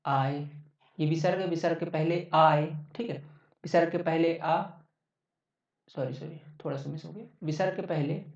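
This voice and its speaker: A man's voice: a little high, normal speed, vocal fry. A male teacher giving an online exam-prep lecture, repeating each point and answering his own questions. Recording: roomy, distant, dull lo-fi sound.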